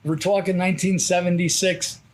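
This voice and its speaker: An older man, a podcast host, telling a long story in casual chat, rambling and dropping low to act out other people's lines. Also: little pitch movement, fairly quick. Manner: rambling, drops his voice low to act out quotes.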